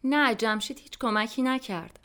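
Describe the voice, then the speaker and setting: A woman's voice: fairly high pitch, a bit bright. A woman narrating a scripted language-lesson dialogue and voicing an insistent, hospitable hostess.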